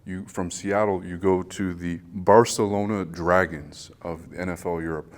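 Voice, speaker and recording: A man interviewing a guest, asking questions in measured, deliberate phrasing. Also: low-pitched, steady tone.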